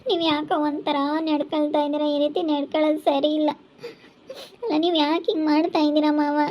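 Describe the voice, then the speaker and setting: A woman's voice: high voice, flat delivery, fast, highs cut off, slight background noise, close to an everyday voice. A woman playing a desperate young wife. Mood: pleading. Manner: pleading, then cursing angrily. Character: young wife resisting her brother-in-law, desperate, pleading.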